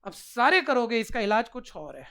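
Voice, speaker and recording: A man teaching maths to a class, coaxing the pupils along with quick direct questions. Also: very high voice, big pitch swings, a bit bright, smooth. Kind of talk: classroom lecture.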